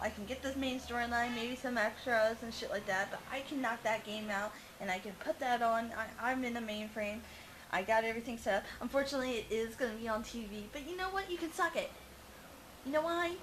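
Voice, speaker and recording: A woman vlogging casually in her apartment, venting bluntly and swearing freely while a little out of breath. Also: fairly high pitch. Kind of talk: casual vlog chat. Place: hot apartment room with open windows. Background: construction noise and outdoor ambience.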